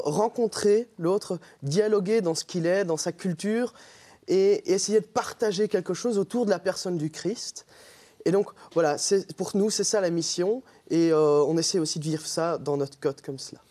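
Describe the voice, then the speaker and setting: A young man from a student group, speaking with a Belgian French accent, answers questions as a guest in a TV interview. His voice sits high and mellow as he explains things earnestly.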